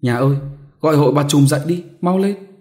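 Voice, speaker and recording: A man's voice: medium pitch, very animated, quick pace, a little mellow, pitched above the performer's own voice, close to an everyday voice. A man voicing a young peasant wife in painful labor who cries out and pleads. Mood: pleading. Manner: crying out, pleading.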